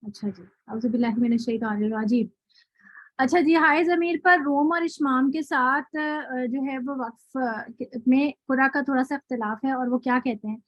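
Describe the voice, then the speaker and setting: A woman's voice: high-pitched, muffled recording. A woman teaching a recitation lesson in an online class, explaining rules and often checking whether her students understand. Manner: explanatory, asks students questions, slow drawn-out example words.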